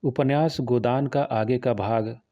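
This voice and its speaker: A man narrating a literary novel in a steady, measured storytelling manner, close to the mic. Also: mid-range voice, no room sound. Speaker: audiobook narrator. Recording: slightly dull lo-fi recording.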